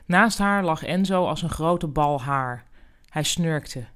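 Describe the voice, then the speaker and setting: A narrator reading a storybook chapter in a calm, even-paced storytelling manner. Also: mid-range voice, takes it slowly, clear, resonant tone.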